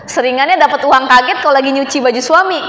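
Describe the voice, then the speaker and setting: A woman preacher telling stories to a group of women, acting out the quoted dialogue in a lively way. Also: high voice, fast talker, slight background noise. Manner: animated, acts out quoted dialogue. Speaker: female preacher. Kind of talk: lively sermon storytelling to women. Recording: echoey hall.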